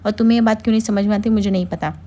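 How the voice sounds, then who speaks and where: A woman retelling a TV serial quotes a stubborn young husband insisting on his love, speaking quickly in her own voice. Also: medium pitch, steady tone, mellow, close to an everyday voice. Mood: insistent. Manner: insistent, pleading.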